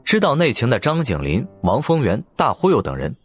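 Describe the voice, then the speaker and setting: A man narrating an audiobook in an expressive storytelling manner. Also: mid-range voice, a little fast, breathy edge, faint music behind. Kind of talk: scripted narration.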